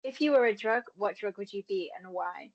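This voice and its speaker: Young woman interviewer, medium pitch. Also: moderate pace, muffled recording. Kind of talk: conversational interview hosting.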